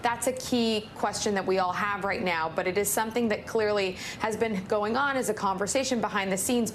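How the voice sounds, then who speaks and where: A woman news correspondent delivering a measured, fluent live report. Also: mid-range voice, slight background noise.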